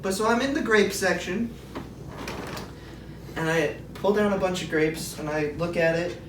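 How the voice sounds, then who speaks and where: A woman's voice: lowish voice, measured pace, lightly acted. A woman playing a rambling, indignant, eccentric elderly grandmother in a grandma voice, repeating herself in improvised comedy. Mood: rambling, befuddled. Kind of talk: improvised comedy role-play. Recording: roomy, noisy, distant mic.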